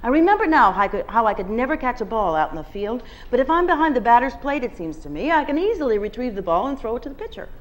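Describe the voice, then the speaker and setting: A guest reader at a bookstore performs a first-person novel for an audience, full of expression. Her voice is a little high with big pitch swings. She reads fast, hardly pausing at all.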